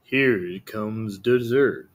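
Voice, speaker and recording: A man voicing a sly, greedy male wolf in a storybook reading, with a husky voice and a slow, scheming drawl. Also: on the low side.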